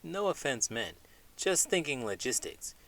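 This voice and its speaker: The audio is poor, but the middle-aged host's unhurried, sing-song delivery comes through in a mid-range, fairly bright voice with vocal fry. He gives expressive storybook readings and scripted puppet banter for children, playful and dramatic.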